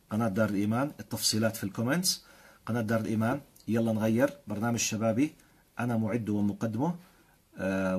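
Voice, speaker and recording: A Jordanian man with a Jordanian accent hosts a live stream, reading out viewer comments in a rapid flow. His voice is husky and a little breathy, and he moves quickly from one greeting to the next. He sprinkles his talk with blessings and light chuckles. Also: lowish voice. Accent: Jordanian Arabic. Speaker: host.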